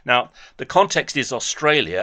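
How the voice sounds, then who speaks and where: A man's voice: medium pitch, sing-song, normal speed, bright, forceful tone. A man hosting a heated debate with a caller, pressing him with references. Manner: pressing, argumentative, quotes references.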